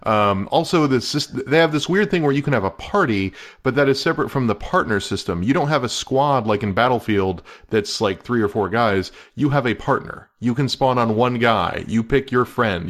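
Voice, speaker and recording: A man on a casual gaming podcast, explaining in a dry, measured way. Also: mid-range voice.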